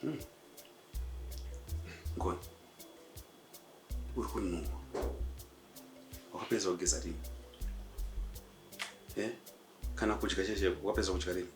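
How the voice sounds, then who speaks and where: A man's voice: sits low, steady tone, normal speed, pauses often, close to an everyday voice. A man with a Zimbabwean accent acting a concerned, firm friend who gives sober advice in a television drama. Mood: worried. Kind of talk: television drama acting, switching between Shona and English. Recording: roomy echo, distant, faint music.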